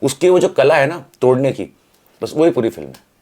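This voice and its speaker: In a mellow mid-range voice with big pitch swings, a film industry interview guest talks at a normal speed. His casual storytelling is animated, and he leans on rhetorical questions and acts out examples to make his points.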